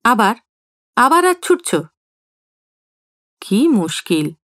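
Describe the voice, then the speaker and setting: A woman voicing a sharp-tongued older wife who scolds in an indignant way in an audio story. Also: a little high, big pitch swings, extremely slow, no echo, clean studio sound, exaggerated voice. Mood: suspicious.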